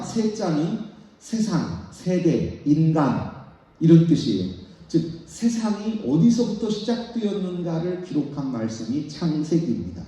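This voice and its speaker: Pastor, middle-aged man, lively lecturing delivery, dark mellow tone, heard from across a very echoey church hall. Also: on the high side, recorded from a distance. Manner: lecturing, reading out lists slowly and emphatically. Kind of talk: Bible teaching sermon. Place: church sanctuary.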